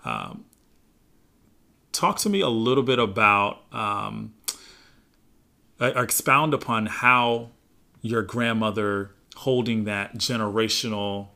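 A man hosting an interview, asking thoughtful, affirming questions in a relaxed conversational way. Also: lowish voice, takes it slowly, vocal fry, long pauses. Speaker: podcast host.

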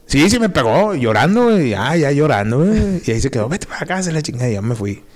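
Talking fast in a mid-range voice, this young podcast guest carries a northern Mexican accent from Monterrey. He spins casual stories about his childhood, packed with slang and lively acted-out quotes.

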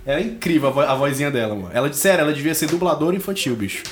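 A man with a Cearense accent co-hosting a podcast, excitable and slangy in casual chat. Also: a little high, racing. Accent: Cearense Brazilian Portuguese. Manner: excitable, slangy, laughs often. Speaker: podcast co-host.

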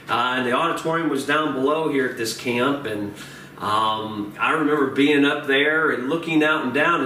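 A man in his forties preaching a sermon as pastor, talking in a halting way, often repeating words and filling pauses with uh. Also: medium pitch, pushed and bright. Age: 40s. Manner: hesitant, repeats words and fills with uh. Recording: roomy, distant mic with faint noise.

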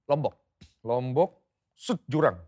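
A young man chatting casually as a podcast guest, telling an animated story full of mouth sound effects. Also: medium pitch, slow pace, dry recording, clean studio sound.

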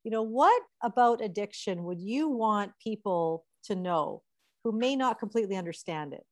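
A woman's voice: mid-range voice, lively intonation, normal speed, no echo. Upbeat woman hosting a podcast, dry sound. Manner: upbeat, welcoming. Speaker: podcast host. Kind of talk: podcast interview.

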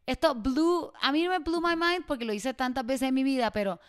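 A young woman with a Puerto Rican accent, telling lively stories as a co-host in casual chat. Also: sits high, brisk, clear, resonant tone. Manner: animated storyteller, laughs often. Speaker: podcast co-host.

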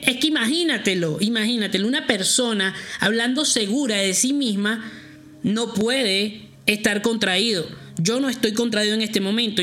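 A man's voice: high voice, pushed and bright. A man hosting a podcast, giving direct, confident instructional advice and speaking straight to the listener. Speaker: podcast host giving repair-shop advice.

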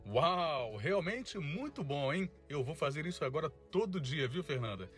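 A man's voice: on the high side, sing-song, a little slow. A Brazilian man speaking casually as a show host, thanking and signing off. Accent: Brazilian Portuguese. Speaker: podcast host. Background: music.

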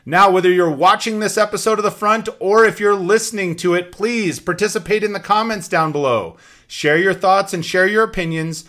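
Male host for motivational business talk: slightly high-pitched, bright, emphatic and instructive. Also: moderate pace. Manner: emphatic, instructive, repeats key points. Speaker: show host, sales trainer.

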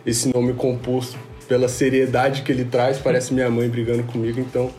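A man in his twenties from Rio de Janeiro, a podcast guest telling his story in relaxed, slangy casual chat. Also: medium pitch, fairly quick, soft background music. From Rio de Janeiro, Brazil. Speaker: podcast guest, music producer. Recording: roomy, faint background noise.

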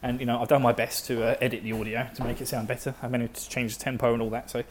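A man's voice: medium pitch, flat delivery, rapid-fire. A man with an Essex, Estuary English accent and slightly slurred, lazy diction, chatting casually and jokily to listeners as a gaming show host, with plenty of swearing. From Essex, England. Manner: sweary, jokey, informal. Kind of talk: casual chat, rambling to listeners. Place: outdoors, walking, urban surroundings. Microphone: handheld phone. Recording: noisy outdoor phone recording with traffic.

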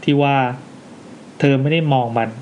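A man's voice: muffled recording, a little hiss or hum. A man co-hosting a casual podcast, reading listener ghost stories aloud with jokey asides. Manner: animated, quick reactions, jokey asides while reading.

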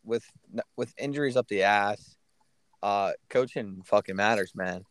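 A man's voice: on the low side, unhurried, clean tone, dry recording. A man co-hosting a sports podcast, talking in a laid-back way, with lots of fillers and some swearing. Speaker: podcast co-host. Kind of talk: casual sports chat.

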